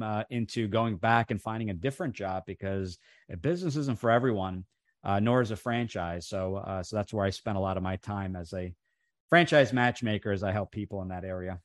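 Here a New Jersey franchise coach, originally an Italian speaker, talks about his background in a relaxed video-call interview, often restarting and using fillers. His pitch sits fairly low, and the clean studio sound has no room echo.

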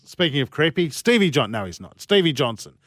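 A man's voice: fairly high pitch, big pitch swings, a little fast, a bit bright, a little hiss or hum. A blokey Australian man bantering casually as a sports radio host, with a cheeky, matey manner. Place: radio studio.

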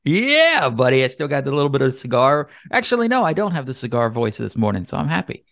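A man's voice: medium pitch, very animated, fast talker, vocal fry, a bit bright, dry recording, clean studio sound. A man hosting a podcast in an easygoing, casual chat with his co-host.

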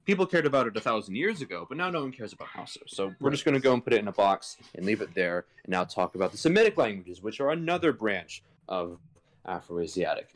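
A man with a lowish voice explains old languages in a loose, irreverent way, tossing in slang and jokes. He talks casually, like a guest on a chat show, and he comes through a video call. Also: big pitch swings, quick pace, rough recording. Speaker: podcast guest explaining linguistics.

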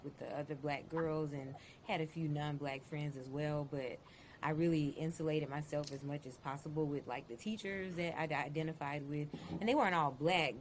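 A woman's voice: low voice, a little hiss or hum. A woman from Dallas, a podcast guest speaking candidly and outspokenly in casual conversation. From Dallas, Texas.

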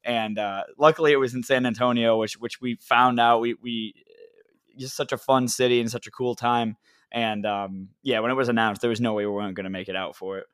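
A man's voice: mid-range voice, steady tone, fairly quick, a bit bright, clear, resonant tone, no room sound, studio quality. A young man chatting casually as a podcast guest, very informal, with lots of "like" and "you know". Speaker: podcast guest, soccer supporter. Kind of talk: casual chat.

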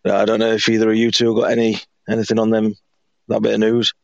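A man with a hoarse, croaky frog-in-the-throat voice, hosting a casual sports podcast. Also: fairly low pitch, completely flat delivery, fast, a little mellow, dry recording, lo-fi sound. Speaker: podcast host.

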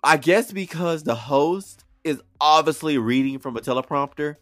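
A man's voice: fairly high pitch, normal speed, a bit bright, no room sound, studio quality, faint music behind. A man co-hosting a casual chat, talking in emphatic, slangy drag-scene phrases. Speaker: podcast co-host.

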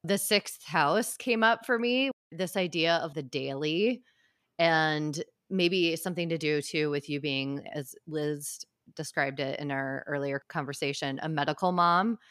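Deep-voiced playful woman co-host. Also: unhurried, smooth, no room sound, clean studio sound. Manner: playful, animated, curious. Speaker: podcast co-host. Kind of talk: casual podcast chat.

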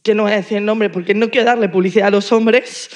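A woman's voice: mid-range voice, steady tone, quick pace. Joking woman telling a rambling story. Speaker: comedian guest. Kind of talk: casual podcast chat.

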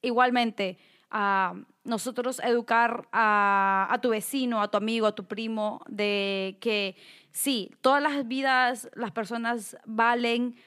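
Young woman, fairly high voice, animated storyteller, casual podcast chat. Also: slow, smooth. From Peru. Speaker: podcast co-host. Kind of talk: casual conversation.

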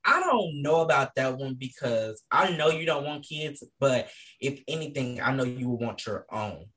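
A man co-hosting a podcast in casual chat, throwing in quick, playful reactions. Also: mid-range voice, lively intonation, bright, forceful tone, rough recording. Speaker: podcast co-host.

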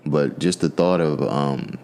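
Very deep, gravelly-voiced man chatting. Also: slow, a little hiss or hum. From United States. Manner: relaxed storytelling with many fillers. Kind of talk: casual conversation.

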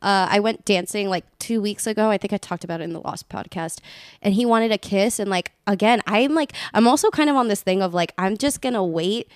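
A young woman co-hosts a podcast, talking frankly and playfully and slipping Spanish words into her English. Her voice sits at a middle pitch. The sound is dry and close to the mic. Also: brisk, clear, resonant tone, dry recording. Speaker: podcast co-host. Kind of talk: casual chat.

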